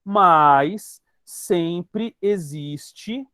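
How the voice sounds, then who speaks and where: A hypnotherapist with a Brazilian Portuguese accent leads a lesson for an online group, his fairly high voice clear, resonant and sharp-edged, with some words drawn out. He speaks emphatically and keeps turning to his listeners directly. The recording is dry and close, like a video call.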